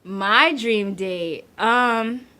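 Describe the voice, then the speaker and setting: Bright chatty young woman from New Jersey. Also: a little high, extremely slow. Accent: Central New Jersey. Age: 20s. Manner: chatty and playful, laughs often, many ums; says she is shy. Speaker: vlogger. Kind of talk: casual chat answering tag questions.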